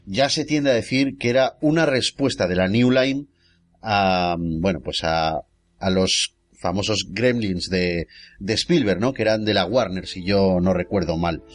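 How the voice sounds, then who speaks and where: A man's voice: low voice, measured pace. A man with a Spain accent hosting a casual, confiding film discussion. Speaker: film show host.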